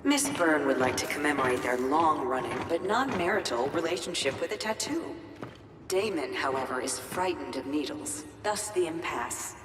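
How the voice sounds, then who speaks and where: A woman's voice: deep voice, moderate pace, noisy background, natural voice. A woman voicing a precise, formal female workshop AI with a dry, matter-of-fact manner. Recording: echoey hall from far off with game music.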